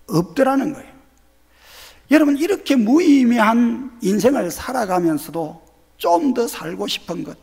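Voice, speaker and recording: A pastor from Geoje Island with a Gyeongsang accent, preaching a sermon in a church sanctuary with animated questions to the congregation. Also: male voice, sits high, creaky, breathy edge. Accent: Gyeongsang Korean. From Geoje Island, South Korea. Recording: long church hall reverb.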